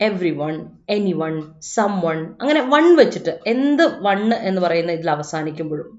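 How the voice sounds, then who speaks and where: A woman teaching an exam coaching lesson, asking questions and answering them herself, reading English examples out slowly. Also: mid-range voice, darkish tone, roomy sound, lo-fi sound.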